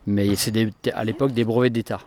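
A man in his forties, a basketball coach, giving measured, explanatory answers in an interview. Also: lowish voice, flat delivery, a little mellow, a little hiss or hum.

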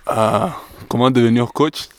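A man's voice: mid-range voice, measured pace, no echo. A young man from DR Congo, a professional basketball player answering interview questions hesitantly and searching for words.

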